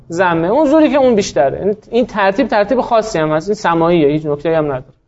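A man teaching a class, explaining grammar rules step by step, asking the students questions and then answering them himself. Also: high-pitched. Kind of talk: classroom lecture on Arabic spelling. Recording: dull lo-fi sound.

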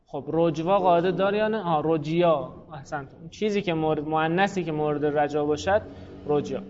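A man's voice: a little high, a little mellow. Man lecturing a class, muffled recording. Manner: explains patiently, calls on students by name. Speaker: teacher.

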